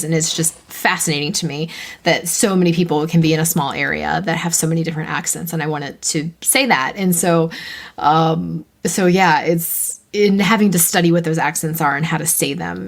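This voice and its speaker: An American woman co-hosting a writing podcast in casual chat, bubbly and talkative, now and then breaking into high excited squeals. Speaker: podcast co-host, fiction writer.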